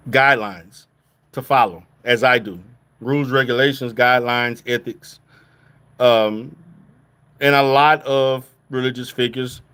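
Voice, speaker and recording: A man's voice: mid-range voice, fairly bright tone. A middle-aged man from Louisiana, a therapist talking casually to viewers, stressing his points with "okay?" and often restarting his sentences. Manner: repetitive restarts, emphatic "okay?" check-ins.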